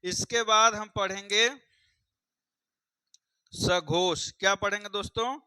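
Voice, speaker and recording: High-voiced, slow-paced male teacher. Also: fairly even intonation, pushed and bright, clean tone, no room sound, rough recording. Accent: Hindi. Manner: repeats points, quizzes viewers, addresses them as friends. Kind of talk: exam-prep grammar lesson.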